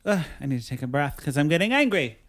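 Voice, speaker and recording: A man hosting a podcast in casual chat, animated and reading quotes aloud as he gets worked up. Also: a little high, fast, no echo. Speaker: podcast host.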